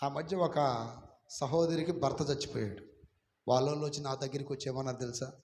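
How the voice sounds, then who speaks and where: A man preaching a sermon as pastor, calling on the congregation to repeat his words back loudly. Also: medium pitch, fairly even intonation, a little fast. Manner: preaching with call-and-response, urging the congregation to repeat. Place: church hall. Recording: echoey hall, some of it from far off.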